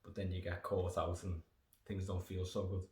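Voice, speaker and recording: A man's voice: low voice, flat delivery, normal speed, darkish tone. A British man giving a casual, rambling snack review in a sarcastic, sweary, digressive way. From United Kingdom. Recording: echoey room with faint noise.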